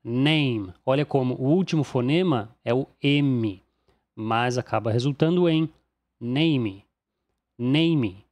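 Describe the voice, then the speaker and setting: A man with a Brazilian Portuguese accent teaching English pronunciation, explaining clearly and repeating each example word slowly. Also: medium pitch, darkish tone. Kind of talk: instructional explanation.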